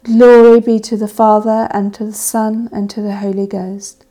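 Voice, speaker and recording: A woman leading a church service, reading scripture and prayers in a measured, solemn intoning manner. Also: mid-range voice, little pitch movement, warm tone, rough recording. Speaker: service officiant. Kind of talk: liturgical reading of evening prayer.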